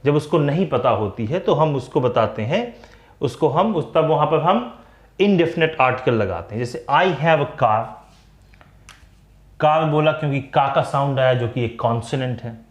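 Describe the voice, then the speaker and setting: A man with an Indian accent teaching English grammar, explaining slowly and drawing words out. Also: mid-range voice, animated. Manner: slow, deliberate explanation with words drawn out. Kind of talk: classroom-style explanation. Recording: echoey room.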